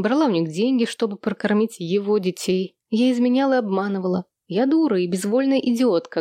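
A woman's voice: medium pitch, mellow, dry recording, clean studio sound, natural voice. A woman reading an audiobook, voicing a bitter, defiant woman who speaks in a cutting, contemptuous way. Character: bitter, defiant woman, self-loathing and scornful.

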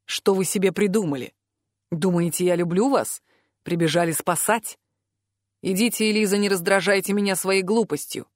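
A woman reading the part of a tired young man who speaks quietly, coldly and with detachment. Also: mid-range voice, normal speed, dry recording, studio quality, close to an everyday voice. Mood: cold dismissive. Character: weary young man, cold and resigned.

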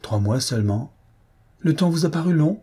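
A man voicing a gentle, affectionate elderly countess in a read-aloud novel. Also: mid-range voice, moderate pace, breathy edge, natural voice. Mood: kindly.

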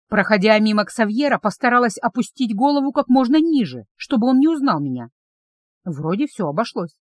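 Expressive woman reading a fantasy story. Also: mid-range voice, dry recording. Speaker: audiobook narrator. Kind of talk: first-person fantasy audiobook narration.

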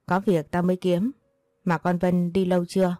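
Woman voicing a bullying old moneylender lady, blunt and rude, low dark tone, dry sound. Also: completely flat delivery, normal speed, no echo, soft background music, natural voice. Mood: harsh. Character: harsh older village moneylender woman.

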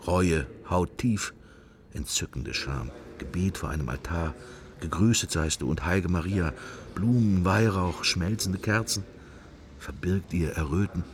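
For a radio drama, an actor with a voice that sits low speaks a little slowly, over slight background noise. He plays a wry, worldly, sceptical middle-aged man silently observing church, whose interior monologue is murmured, fragmentary, associative, sceptical musing.

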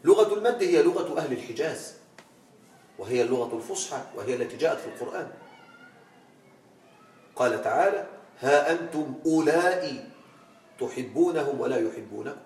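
A man teaching an Arabic grammar lesson in a classroom, quizzing his students with questions and stretching out words slowly for emphasis. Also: mid-range voice, animated, a little mellow. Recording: echoey room, from far off.

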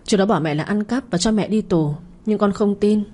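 A woman's voice: medium pitch, fairly quick, dark tone, natural voice. A woman voicing a frightened, polite teenage schoolgirl who pleads. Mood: pleading.

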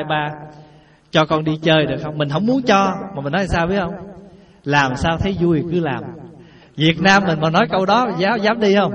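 A man who is a Buddhist monk, giving a dharma talk in a folksy manner and often putting questions to his listeners. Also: high-pitched. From Vietnam. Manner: folksy, asks the audience questions. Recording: muffled distant recording.

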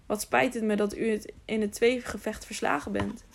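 A woman's voice: medium pitch, steady tone, moderate pace, creaky, slight background noise, close to an everyday voice. A woman reading the lines of an earnest, frightened young man who stammers.

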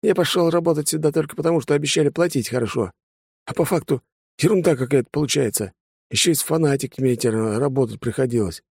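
A man's voice: medium pitch, fast, creaky, a little mellow, slightly rough, no echo, studio quality, voice pushed up. A man reading an audiobook, voicing a tired, pragmatic mercenary bandit who grumbles as he gives in. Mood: resigned.

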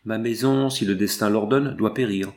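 Cold, scornful tyrant prince, a male reader voicing him low and commanding. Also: moderate pace, lightly acted. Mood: stern. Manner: stern, scornful. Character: harsh, domineering prince. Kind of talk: audiobook character reading.

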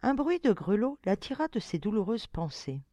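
A woman's voice: medium pitch, dry recording, studio quality. Woman narrating a fairy-tale audiobook. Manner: expressive, measured, storytelling.

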